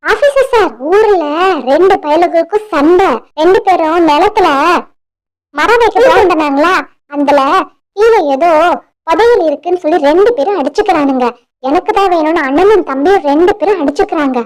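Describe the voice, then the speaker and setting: Woman doing a frantic shrill villager bird. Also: normal speed, darkish tone. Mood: urgent. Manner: urgent, pleading.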